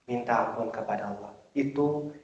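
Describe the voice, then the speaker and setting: A man's voice: mid-range voice, normal speed, warm tone. A man preaching a sermon to a congregation, speaking animatedly and acting out the prayers of worshippers. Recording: echoey, dull lo-fi recording.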